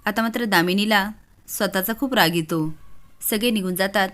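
A woman's voice: medium pitch, moderate pace, fairly bright tone. A woman narrating a recap of a television serial episode, lightly voicing each character.

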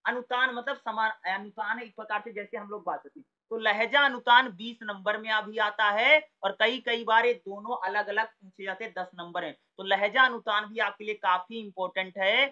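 A man's voice: high-pitched, fairly even intonation, normal speed, hardly any pauses, bright, forceful tone, muffled recording. A man teaching an exam-prep lesson in a conversational way, often asking a question and then answering it himself. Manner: conversational, repeats words, asks and answers his own questions.

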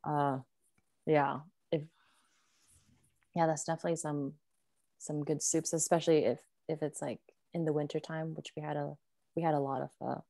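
A young woman talks casually as a podcast guest, hesitant and full of laughter. Her voice sits on the low side and the sound is dry and close. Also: little pitch movement, normal speed, creaky, long pauses, dark tone, dry recording. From United States. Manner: chatty, hesitant, laughs often.

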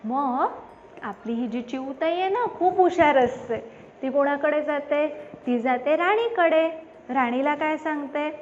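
A woman's voice: high-pitched, measured pace. A woman telling a children's story, asking the little listener questions as she goes. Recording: dull lo-fi with faint background noise.

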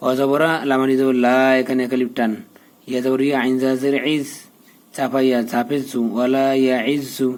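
A man teaching a prayer, rattling off letter-by-letter spelling and then drawing each joined phrase out in a slow chant. His voice is mellow and dark, with little rise and fall. The delivery is patient and methodical. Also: mid-range voice, little pitch movement. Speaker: Quran recitation teacher. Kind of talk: spelling out and reciting Arabic prayer.

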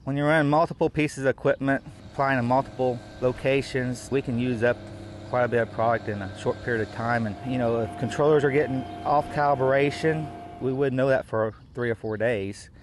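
A man's voice: medium pitch, steady tone, fairly quick, noisy background. A middle-aged man, a farmer speaking practically in an on-camera interview outdoors, with fillers. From United States.

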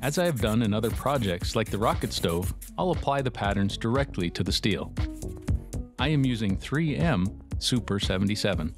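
A man's voice: fairly low pitch, lively intonation, normal speed, creaky. A middle-aged man giving dry, matter-of-fact scripted narration for a metal workshop how-to, with wry asides. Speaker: metalworking instructor. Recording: voice-over with music bed.

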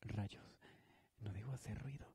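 A man's voice: on the low side, a little slow, dark tone, slight background noise, natural voice. A man reading the lines of a polite, stubborn runaway teenage girl in a storybook reading. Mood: pleading.

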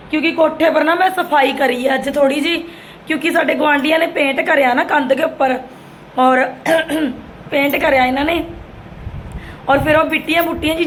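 A middle-aged woman with an Indian Punjabi accent and a sore, hoarse throat, chatting casually as she narrates a daily family vlog. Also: high-pitched, a little hiss or hum. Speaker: family vlogger.

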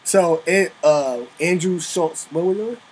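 A man's voice: on the high side, unhurried, slight background noise, rough recording. A man co-hosting a couples reaction video, playful and teasing, laughing easily. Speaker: co-host of a reaction channel. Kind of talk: casual chat.

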